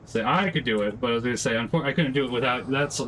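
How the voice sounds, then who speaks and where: A man's voice: mid-range voice, quick pace, fairly bright tone, a little hiss or hum, low-quality recording. A man giving casual live commentary as he streams a video game.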